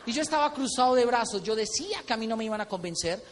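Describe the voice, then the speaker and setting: Animated Colombian man on stage. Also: very high voice, quick pace. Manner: animated storytelling, acting out quotes. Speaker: motivational speaker. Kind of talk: stage talk at a convention. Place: large convention hall. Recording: echoey hall with faint noise.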